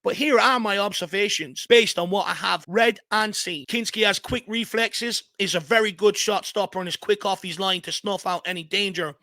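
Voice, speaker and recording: Irish man, football vlog host, analytical and opinionated; bright, crisp tone. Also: sits high, moderate pace, hardly any pauses, no room sound. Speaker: fan channel host.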